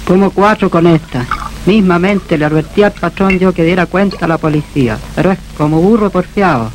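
Guy acting chilean country farmhand in a movie, folksy n plain-spoken, highish voice, noisy outdoor audio. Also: brisk, lightly acted. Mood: friendly, complaining. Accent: rural Chilean. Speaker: farm worker. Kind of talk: film drama acting.

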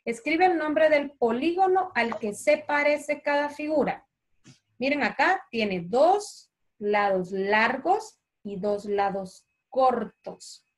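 Woman primary teacher, Honduran Spanish accent, slightly high, unhurried, patient, online class. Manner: patient, slow and clear, calls children by name. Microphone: video call.

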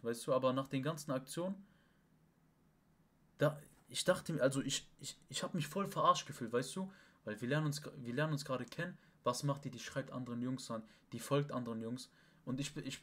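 A man's voice: medium pitch, a bit bright. A young man and stream host, rambling casually to a chat partner with speech, emphatic and full of oaths and restarts. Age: young adult. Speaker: livestream host.

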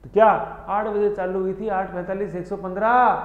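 A man's voice: high-pitched, fairly even intonation, normal speed. A man teaching an exam-prep history lesson, playful and teasing as he quizzes his students. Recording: echoey room, slightly dull sound.

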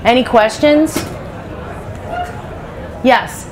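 A woman's voice: on the high side, extremely slow, a crowd in the background, noisy background. Chatty woman chef on a headset. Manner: chatty, practical, many "you know" asides. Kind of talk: live cooking demonstration. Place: stage at a large indoor trade show.

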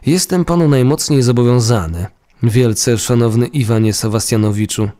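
A man's voice: medium pitch, moderate pace, mellow, natural voice. A man voicing the ghost of a young nobleman who has lost his body, speaking in humble, formal petitioning language. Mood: polite.

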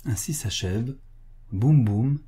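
A man reading a short story aloud in measured, expressive scripted narration. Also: medium pitch, husky. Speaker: volunteer audiobook reader.

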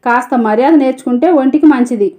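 A woman's voice: high voice, brisk, phone-quality sound, natural voice. A woman reading as a fierce principled young woman. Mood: stern. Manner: firm, cutting rebukes.

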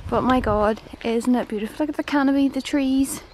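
Her voice is high-pitched with a somewhat dark tone, and she talks fairly quickly. She's a travel vlogger from Northern Ireland, speaking casually and eagerly while walking through a woodland park on handheld camera, with a slight hiss or hum in the audio.

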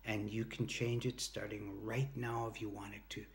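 A lowish voice with little pitch movement comes from a man in his early fifties speaking at normal speed. He's a motivational speaker and workshop leader, delivering an earnest, emphatic talk full of anecdotes aimed at the camera, complete with short acted-out quoted exchanges. A phone or device at arm's length records him in a home room with a sloped ceiling.

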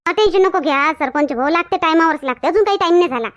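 A woman's voice: very high-pitched, quick pace, fairly bright tone. A woman acting in a village comedy skit, talking in a scolding, chatty way. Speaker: comedy sketch actor.

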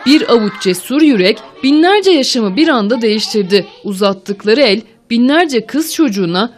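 A woman's voice: a little high, animated, normal speed, noisy background. A woman reading scripted narration for a television news feature as the reporter.

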